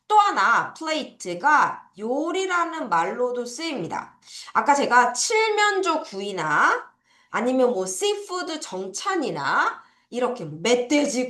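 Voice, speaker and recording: An English teacher runs a children's vocabulary lesson, leading slow repeat-after-me drills in a bright, clear tone. Her voice sits slightly high for a woman and moves around a lot in pitch. The room adds a noticeable echo.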